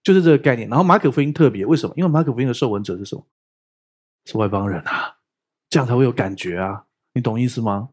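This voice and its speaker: A man's voice: mid-range voice, quick pace, breathy edge. A male pastor, preaching a sermon in a playful, joking way. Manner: playful, joking, animated storytelling. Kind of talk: lively sermon teaching.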